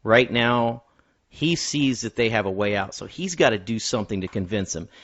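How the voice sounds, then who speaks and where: A man co-hosting a podcast in casual film discussion, haltingly restarting his thoughts as he goes. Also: lowish voice, animated, fairly bright tone. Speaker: podcast host. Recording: dull, lo-fi sound.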